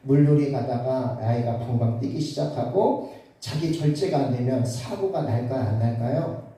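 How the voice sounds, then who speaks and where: A male pastor preaches in a booming, reverberant church hall, his mellow, dark voice a little far from the mic. He tells a personal story and acts out the dialogue in shifting voices. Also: normal speed. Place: church sanctuary. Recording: echoey sanctuary, mic at a distance.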